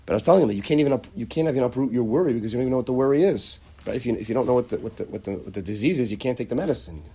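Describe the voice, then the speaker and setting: A man's voice: medium pitch, racing, warm tone, slightly rough. A man teaching a conversational lecture on character traits, acting out bits of dialogue and often restarting his sentences. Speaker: Torah teacher.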